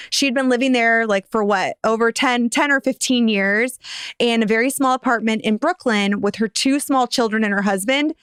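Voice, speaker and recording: A woman's voice: fairly high pitch, fairly bright tone, clean tone, no room sound, clean studio sound. A young woman from the United States co-hosting a podcast, chatting in a bubbly, gushing way with lots of fillers. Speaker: podcast co-host. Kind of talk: casual chat.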